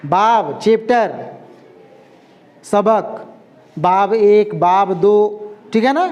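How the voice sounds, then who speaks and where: A man's voice: high voice, drawn-out words, darkish tone. A man teaching a language class, repeating each word and often checking that the students follow. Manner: repeats words and keeps checking understanding. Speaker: Urdu teacher.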